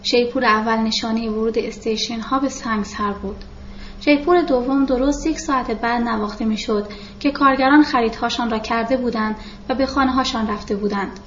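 Woman narrator for a novel reading; measured, steady delivery, somewhat high voice, echoey room. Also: slight background noise. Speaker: audiobook narrator. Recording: roomy, dull lo-fi recording.

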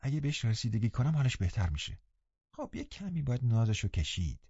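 A man's voice: medium pitch, sing-song, warm tone, slightly rough, dry recording. A man reading an audiobook voices a headstrong teenage girl, speaking in a pleading, self-assured way. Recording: slightly dull, muffled recording.

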